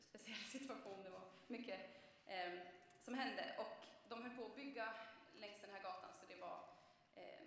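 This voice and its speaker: A woman's voice: mid-range voice, a bit bright, slight background noise. A young woman preacher giving a conversational sermon, telling a personal story with frequent hesitations. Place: church. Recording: echoey church from a distance.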